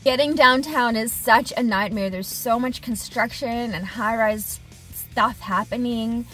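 An animated woman, an HVAC technician and business owner, vlogs from her parked truck cab in a casual diary style, expressive and gesturing with her hands. Her fairly high voice is unhurried, faint music sits behind her, and the camera rests on the dashboard at arm's length.

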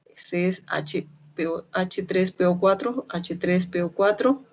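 A woman's voice: fairly low pitch, slight background noise. Chatty Colombian woman teaching chemistry. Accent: Colombian Spanish, Medellín. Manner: lively, chatty, checks in with students often; spells out terms slowly and repeats them. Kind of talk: online class lecture.

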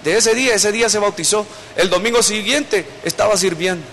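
A man's voice: high-pitched, brisk, a bit bright, slight background noise. A male pastor, preaching a sermon in a conversational storytelling way. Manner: conversational storytelling preaching, acting out quoted voices.

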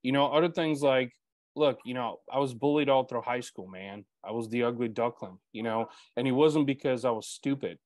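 Talking over earbuds on a video call, this Bulgarian-native man in his 40s hosts a podcast interview and recounts his own story sincerely, leaning heavily on "you know." He speaks at a moderate pace in a mid-range, darkish voice, free of echo.

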